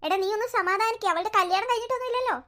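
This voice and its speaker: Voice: very high-pitched, rapid-fire, fairly bright tone. A performer voicing a nervous but sensible young male friend who coaxes and makes dry, sarcastic remarks. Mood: coaxing. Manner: coaxing, worried, dryly sarcastic.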